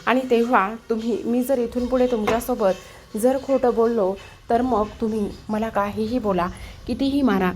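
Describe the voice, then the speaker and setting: A woman's voice: a little high, steady tone, moderate pace, a little hiss or hum, lightly acted. A woman voicing a young man who pleads and apologizes to his wife in a TV serial recap. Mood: pleading.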